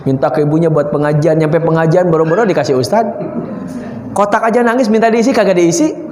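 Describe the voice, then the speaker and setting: A man's voice: fairly high pitch, quick pace. A male preacher giving a playful sermon to children, acting out little scenes and chanting verses. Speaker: preacher (ustad). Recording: echoey hall.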